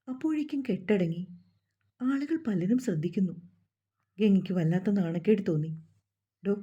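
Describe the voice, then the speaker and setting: A woman storyteller narrating a scripted story in a steady, emotive way, on a dull lo-fi recording. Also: mid-range voice, slightly rough.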